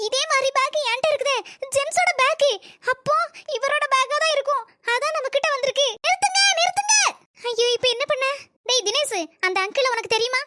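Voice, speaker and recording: A jittery, squeaky young girl. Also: brisk, heavy background noise. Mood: panicked. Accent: Kanyakumari Tamil. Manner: nervous, pleading. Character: frightened young girl home alone, earnest.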